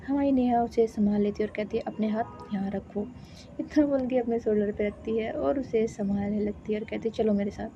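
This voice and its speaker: Casting: relaxed woman narrator, dark, mellow voice, slightly high, casual telling. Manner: conversational, loose. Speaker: storyteller. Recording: dull lo-fi with faint hiss.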